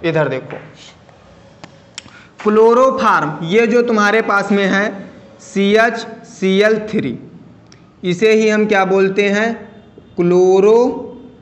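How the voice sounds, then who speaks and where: A man with a high voice teaches a chemistry lesson for video, pausing to ask his students questions and repeating each answer. He speaks slowly and stretches out key terms. The sound is roomy and echoey.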